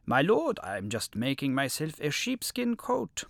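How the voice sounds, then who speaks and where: A man's voice: fairly high pitch, wildly swooping pitch, a little slow, gravelly, a bit bright, no echo, studio quality, voice pushed up, heavily acted. A man voicing a sly, greedy male wolf who tricks a lion in a storybook tale. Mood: wheedling.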